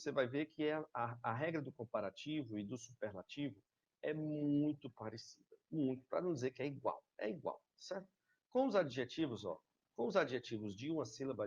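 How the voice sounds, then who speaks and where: A man's voice: medium pitch, a little mellow. Man teaching a recorded grammar lesson. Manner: explains slowly, often checks with "certo?" and "tá?". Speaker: English teacher. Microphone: webcam video lesson. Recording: slightly dull lo-fi sound.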